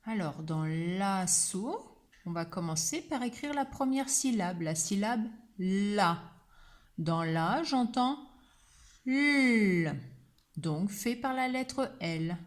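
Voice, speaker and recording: A woman teacher giving a slow, patient word dictation to a young child, sounding out each letter. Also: medium pitch.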